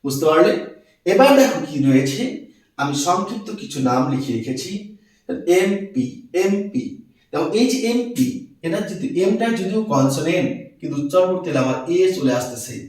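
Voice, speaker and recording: A man teaching a lesson, his fairly high voice set back from the mic in a very echoey room. He poses questions and answers them himself, drawing out and repeating each word. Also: animated, brisk, darkish tone, distant mic. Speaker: English teacher. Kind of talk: classroom-style grammar lesson.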